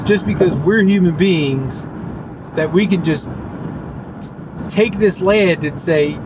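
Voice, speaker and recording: A man's voice: high-pitched, slow pace, noisy background. A man talking casually to his camera as a vlogger, joking and punning as he rambles along. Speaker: vlogger documenting a land purchase. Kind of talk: casual vlog chat.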